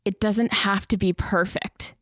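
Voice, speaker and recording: A woman podcast producer answering interview questions about editing in a relaxed, conversational way. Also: medium pitch, measured pace, no echo, clean studio sound. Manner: relaxed, conversational, laughs lightly. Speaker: podcast producer, guest expert. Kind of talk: interview answers, casual explaining.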